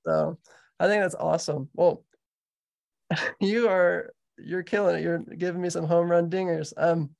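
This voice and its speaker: A man's voice: high voice, fairly even intonation, unhurried, creaky, darkish tone. A man with an American accent, chatting casually as he hosts an interview podcast. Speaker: podcast host.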